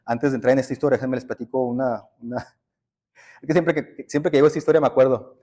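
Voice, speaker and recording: A man's voice: mid-range voice, fairly even intonation, fast talker, warm tone. Guy preaching in church, chatty storytelling, keeps calling folks brothers. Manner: conversational storytelling preaching, addresses listeners as brothers. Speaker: pastor. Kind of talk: sermon. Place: church sanctuary.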